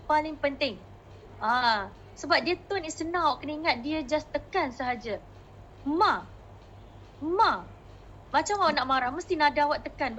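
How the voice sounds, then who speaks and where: High-voiced Malaysian woman teaching Mandarin. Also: fairly bright tone, slight background noise, low-quality recording. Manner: code-switching, coaxing students, modeling tones. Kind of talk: online class teaching.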